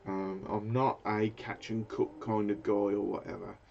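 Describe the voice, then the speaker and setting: A man's voice: on the low side, level tone, a little slow, creaky, mellow, slight background noise. A British man hosting a fishing channel, chatting casually in a live stream and rambling as he hunts for words. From Britain. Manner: rambling, hesitant, searches for words. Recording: dull lo-fi sound.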